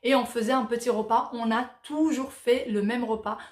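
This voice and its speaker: A woman's voice: fairly high pitch, fairly even intonation, moderate pace, reverberant. A Moroccan-born woman in her thirties, chatting casually as she reads out viewer questions and answers them with plenty of fillers. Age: 30s. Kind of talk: casual Q&A vlog.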